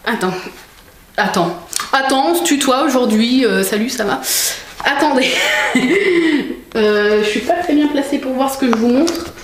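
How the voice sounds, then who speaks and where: A woman's voice: high voice, animated, unhurried, pauses often. A young woman chatting casually in a vlog, showing things to the camera with many fillers and restarts. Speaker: vlogger. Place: room at home. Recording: echoey room with faint noise.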